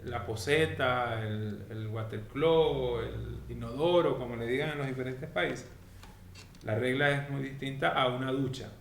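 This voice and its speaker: A man's voice: medium pitch, unhurried, vocal fry. A man teaching a weekly Torah lesson in a didactic way, often checking that his listeners follow. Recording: echoey room with faint noise.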